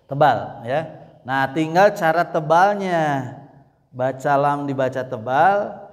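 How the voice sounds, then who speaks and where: Sundanese man, recitation teacher, a bit high, slow and patient, long hall echo. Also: animated. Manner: explains patiently, then demonstrates by chanting words slowly. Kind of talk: religious lesson with recited examples. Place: mosque study session.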